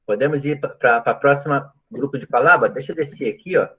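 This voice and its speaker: A man's voice: mid-range voice, a little fast, bright, forceful tone, slightly rough, dull audio. A man teaching a live online Portuguese grammar lesson, explaining step by step and often checking that students follow. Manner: explanatory, asks frequent checking questions.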